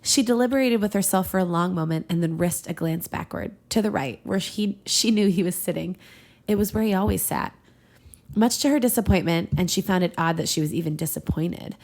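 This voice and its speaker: This woman co-hosts a podcast, reading fan fiction aloud amid casual, giggly banter and breaking into laughter mid-reading. Her voice is fairly low and darkish, with vocal fry.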